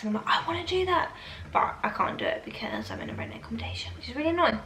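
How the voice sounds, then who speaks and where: A woman's voice: medium pitch, a bit bright. A British woman in her twenties chatting casually to camera in a rambling, informal, exaggerating way, answering questions as a vlogger. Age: 20s. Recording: echoey room, faint background noise.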